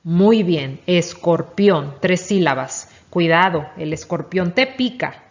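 A teacher leads a children's reading lesson at an unhurried pace, patient and encouraging, asking questions and praising each answer. Her voice is fairly low with lively intonation, and the recording sounds slightly dull and lo-fi.

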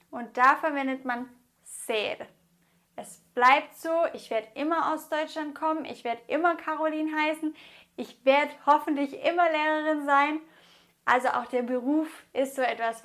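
A woman from Germany, a Spanish teacher, explaining grammar in a slow, carefully enunciated way. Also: high-pitched, fairly bright tone. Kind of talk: grammar lesson.

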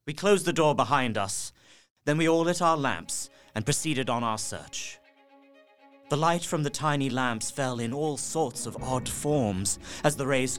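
In an audio drama, an actor voices an earnest young gentleman narrating his horror journal with a measured, literary, haunted delivery. His voice sits in the mid-range and the acting is light.

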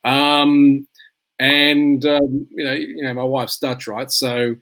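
A man's voice: mid-range voice, little pitch movement, slow, a bit bright, poor audio. A tired middle-aged Australian man in casual chat, rambling through anecdotes and laughing at his own jokes.

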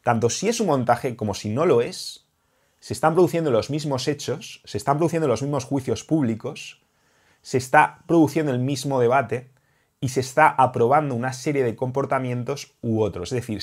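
A young man with a Spain Spanish accent, a dating coach talking straight to camera in an emphatic, heated and repetitive vlog monologue. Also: mid-range voice.

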